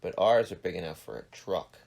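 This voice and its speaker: A fortysomething podcast host jokes and pokes fun at himself in relaxed conversation, sounding slightly nasal and congested from allergies. His low, gravelly voice is a little mellow, moves fairly quickly, and swings widely in pitch.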